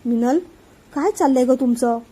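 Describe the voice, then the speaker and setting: A woman's voice: sits high, normal speed, mellow, breathy edge. A woman voicing a flustered middle-aged uncle who dodges questions nervously. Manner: nervous, evasive.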